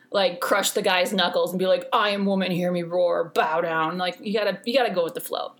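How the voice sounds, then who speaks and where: A woman's voice: medium pitch, fairly bright tone. A woman in her forties hosting a podcast, giving casual advice in a chatty way with dry humor and lots of fillers. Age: 40s. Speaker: podcast host.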